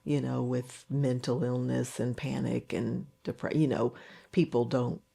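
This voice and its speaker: A woman's voice: a bass voice, flat delivery, a little slow, gravelly, dark tone, husky. A woman co-hosting a podcast, chatting casually and reacting with frequent exclamations. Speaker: podcast co-host. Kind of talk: casual conversation.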